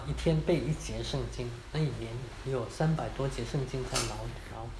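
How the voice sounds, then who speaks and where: A man teaching a baptism class on how to read the Bible, in a loose, chatty way, tacking soft particles onto his sentences and dropping in the odd English word. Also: mid-range voice, noisy background. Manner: informal, adds particles like 哈 and 啊, mixes in English words. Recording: echoey room.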